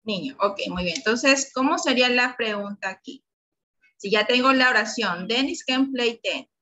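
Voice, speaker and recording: A woman's voice: on the high side, moderate pace, sharp tone, rough recording. A woman with an Ecuadorian Spanish accent teaching an English lesson to young pupils, patiently coaxing them with questions. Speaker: primary school English teacher. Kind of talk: online class lesson.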